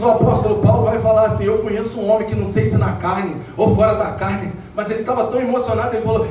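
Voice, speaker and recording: Man, Brazilian accent, high-pitched preacher, echoing church hall, music underneath. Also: distant mic. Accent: Brazilian Portuguese. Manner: builds to shouted, sung climaxes. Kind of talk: evangelical sermon. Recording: echoey church hall heard from afar, music behind.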